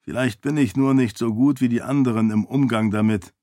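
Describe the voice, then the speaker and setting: A man voicing a young exiled prince who is in pain, speaking tensely and with strain, higher than his narration. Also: fairly even intonation, brisk, warm tone, dry recording, clean studio sound, natural voice. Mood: troubled.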